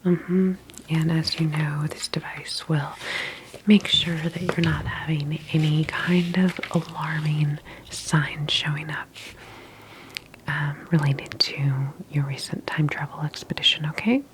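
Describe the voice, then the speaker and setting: A woman whispers softly in an ASMR roleplay, playing a calm healthcare specialist who is gentle, attentive, and reassuring. Her low voice is breathy and unhurried, with background noise audible.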